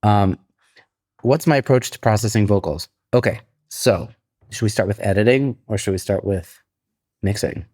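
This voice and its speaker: Tired male co-host, low voice, laptop-mic sound, dry, relaxed and hesitant. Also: moderate pace, breathy edge, no echo. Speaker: podcast co-host. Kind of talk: casual chat. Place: neighbor's apartment. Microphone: laptop built-in microphone.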